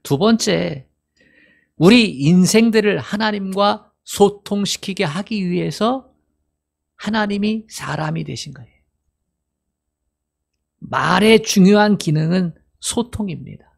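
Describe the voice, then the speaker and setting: A middle-aged male pastor preaching a sermon, asking the congregation questions and answering them himself, and slowing down to act out quoted dialogue. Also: sits high, creaky. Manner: acts out quoted dialogue in a slowed voice.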